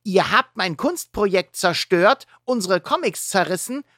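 A woman's voice: mid-range voice, animated, unhurried, a bit bright, dry recording, clean studio sound, voice pushed up. A woman voicing an earnest young boy superhero who sounds indignant.

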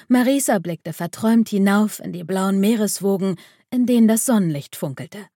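A woman reads a children's audiobook in a gentle storytelling manner. Her voice is mellow and dark rather than bright. The sound is dry, with no room around it. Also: mid-range voice, animated, moderate pace, dry recording. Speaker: narrator.

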